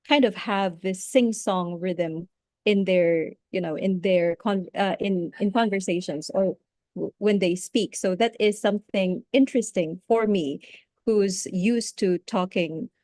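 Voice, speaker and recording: A woman's voice: mid-range voice, darkish tone, dry recording. Middle-aged woman, Philippine English accent, teacher giving a hesitant talk, dry close sound. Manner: halting, with many restarts and fillers. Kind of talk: webinar talk.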